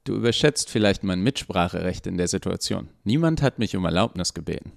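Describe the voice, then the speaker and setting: A man's voice: low-pitched, expressive, fairly quick, vocal fry, no echo, studio quality. A man playing an awkward, evasive male research doctor who hesitates with many ums.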